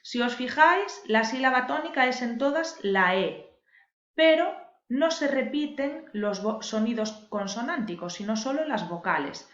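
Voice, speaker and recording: A woman's voice: on the high side, lively intonation, a little slow. A woman teacher, patiently explaining a lesson and stressing key words for her viewers. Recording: echoey room, dull lo-fi sound.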